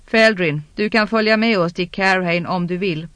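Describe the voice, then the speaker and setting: An audiobook narrator voicing a brisk, commanding noblewoman who hands out orders, recorded dry and close. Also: medium pitch, fairly bright tone, clean tone, no echo, lightly acted.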